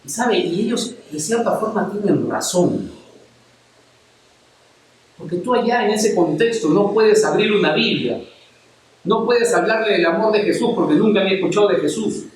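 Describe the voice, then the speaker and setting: A man preaches a passionate sermon to a congregation, firing rhetorical questions in a high voice with lively intonation, a moderate pace and long pauses. The church hall is very echoey, the mic distant, with a little hiss or hum.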